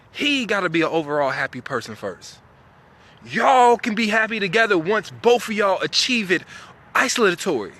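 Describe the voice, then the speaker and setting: A man's voice: high voice, sharp tone. A man giving an informal motivational speech straight to his viewers, emphatic and repeating phrases for effect. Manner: informal, colloquial, direct address. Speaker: motivational speaker, live stream host.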